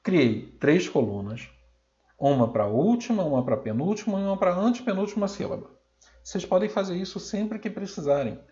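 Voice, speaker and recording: A Brazilian Portuguese man teaching a recorded grammar lesson, sounding out example words slowly and loudly. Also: high-pitched, lively intonation, lo-fi sound.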